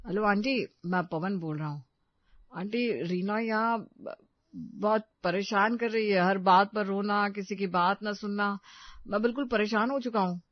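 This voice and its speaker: A woman's voice: medium pitch, measured pace, no room sound, dull audio, natural voice. A woman voicing an exasperated young husband in a cartoon, scolding and fed up. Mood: pleading. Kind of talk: cartoon voice acting.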